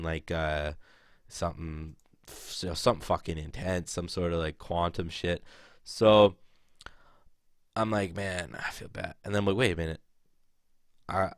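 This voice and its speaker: Profane young man with a dry, lowish voice. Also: no echo. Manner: rambling, profane, lots of "like" fillers. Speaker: vlogger. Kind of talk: casual storytelling.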